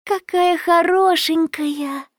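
Bubbly little girl all sweet and excited, a lady doing the voice, way up high. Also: moderate pace, no echo, studio quality. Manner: bright, gushing, excited. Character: cheerful young girl, sweet and eager.

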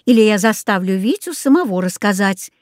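A woman's voice: mid-range voice, animated, brisk, a little mellow, no echo, studio quality, lightly acted. A woman reading the lines of a stern, scolding father in a storybook. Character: stern strict father, middle-aged man.

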